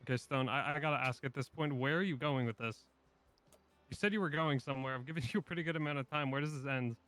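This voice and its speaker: Smooth-voiced man as an informal judge. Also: mid-range voice, a bit bright, soft background music. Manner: hesitant, informal, measured, stammering. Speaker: role-player as a judge. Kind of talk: improvised courtroom role-play.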